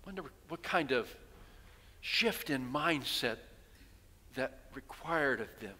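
A pastor in his sixties preaches from the pulpit of a large church sanctuary, telling stories, asking his congregation rhetorical questions, and voicing townspeople. His mid-range voice is expressive and slow, with a sharp tone and a breathy edge. He wears a headset mic, and the hall's long reverb fills the recording.

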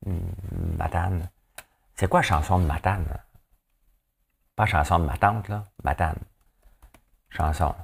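Chatty low-voiced Québécois man. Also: fairly even intonation, slow pace, gravelly, long pauses, a little hiss or hum. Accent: Québécois French. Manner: rambling, talks to viewers, asks them questions, hums songs. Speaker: host of a daily news chat. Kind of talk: casual chatty news commentary.

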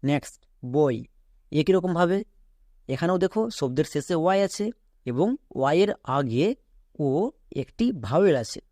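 Guy teaching reading online, kinda high voice, spells stuff out letter by letter, asks questions then answers them. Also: animated, normal speed, long pauses, darkish tone, no echo, studio quality. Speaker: English teacher.

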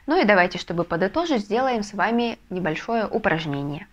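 A woman teaching a video lesson, explaining step by step with patient, soft confirmations. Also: mid-range voice, very animated, fairly quick, highs cut off. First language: Russian. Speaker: Spanish language teacher. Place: language school in a Russian city.

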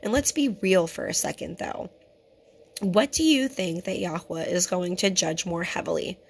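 A hoarse woman who keeps clearing her throat, giving an earnest, conversational scripture teaching to her viewers. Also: fairly low pitch, normal speed. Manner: earnest and conversational, addresses viewers as brothers and sisters. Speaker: teacher of a Torah fellowship. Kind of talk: home-made teaching video.

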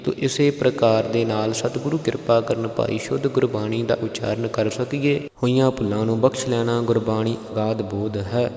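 A man's voice: medium pitch, fairly even intonation, creaky, a little mellow. Punjabi man teaching recitation in an echoey room. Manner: chants scripture lines slowly, then explains pronunciation plainly. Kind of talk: religious recitation lesson.

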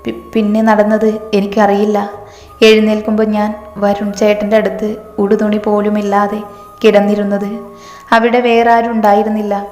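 A woman reading the lines of a frightened young woman who speaks haltingly and stammers, in an echoey room with a long reverb. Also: medium pitch, darkish tone, lightly acted.

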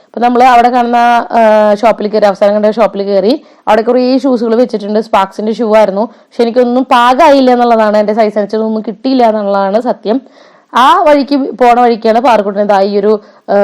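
Fast-talking chatty woman vlogger. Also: fairly high pitch, fairly even intonation, darkish tone. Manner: chatty, often adds tag words and fillers. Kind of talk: casual voice-over narration.

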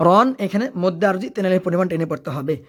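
A woman teaching tajweed. She alternates rapid spoken explanations with slow, drawn-out chanted recitation of verses. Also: fairly low pitch.

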